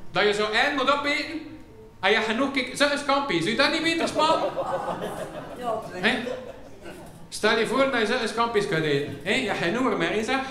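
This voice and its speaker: A man's voice: very high voice, expressive, normal speed, long pauses, crowd noise. A Flemish man doing comedy for care home residents, chatty and teasing, throwing questions at the audience. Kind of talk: live comedy and game show banter with the audience. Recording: echoey hall with audience murmur.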